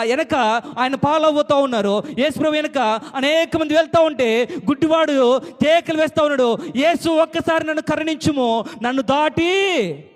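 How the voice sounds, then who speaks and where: A man preaching a sermon in a repetitive chanting cadence, his phrases dropping low at the ends. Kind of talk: Telugu sermon. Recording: long hall reverb.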